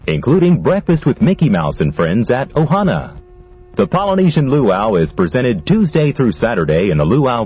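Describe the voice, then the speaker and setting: Man giving a train announcement, lo-fi. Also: mid-range voice. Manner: polite, measured, formal. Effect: onboard train announcement. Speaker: transit announcer. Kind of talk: recorded monorail announcements. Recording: dull lo-fi old recording.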